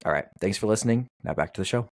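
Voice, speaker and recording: A man's voice: fairly low pitch, expressive, very fast, dry recording. A male podcast host who reads an ad with enthusiasm and chats with a guest in a casual, upbeat way. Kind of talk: podcast interview and ad read.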